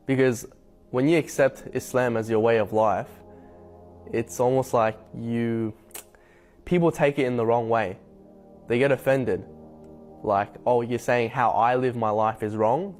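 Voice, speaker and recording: A man's voice: medium pitch, a little slow, pauses often. Reflective young man from Hong Kong. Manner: reflective, with frequent ums and soft laughs. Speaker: convert sharing his story. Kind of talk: personal testimony to camera. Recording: faint music bed behind voice.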